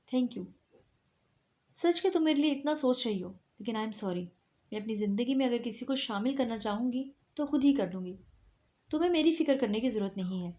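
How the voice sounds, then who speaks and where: A woman's voice: a little high, lightly acted. A woman voicing a cold, detached young wife in a storybook reading. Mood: wry. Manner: flat and detached. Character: cold, aloof young wife, flat and mocking.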